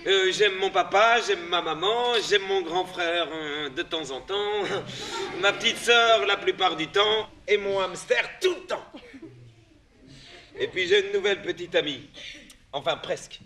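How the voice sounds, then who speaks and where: A bashful young boy who hesitates and fills pauses as he talks slowly. The voice is high and bright, picked up from a distance with faint hiss behind it. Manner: halting, full of "euh" fillers. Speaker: stage actor. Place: theatre stage.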